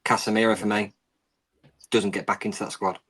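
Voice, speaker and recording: A man on a fan podcast, firm and matter-of-fact. His voice sits low and stays flat, with little rise or fall. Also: a little fast, husky. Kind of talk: casual football podcast chat.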